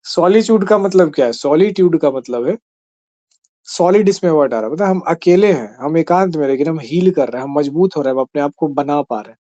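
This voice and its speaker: A man's voice: fairly high pitch, animated, fairly quick, warm tone, highs cut off. A man teaching an exam-prep class in a conversational way, often checking in with his listeners. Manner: conversational, keeps asking "ठीक है?".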